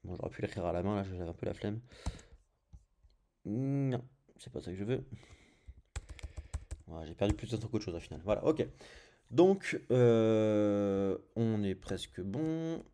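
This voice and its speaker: Tutorial host: male, French accent, deep-ish warm tone, relaxed screen-share narration full of small fillers. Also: a little slow, pauses often. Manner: thinks aloud while clicking through screens, frequent "hop" and "euh". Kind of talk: casual screencast coding tutorial.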